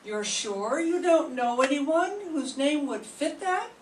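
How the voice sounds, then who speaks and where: An older woman in a classroom radio drama course reads a 1940s mystery, voicing a composed, sharp police inspector whose questions are measured, stern, and searching. She speaks in a high voice, and the distant mic catches room echo and a faint hiss.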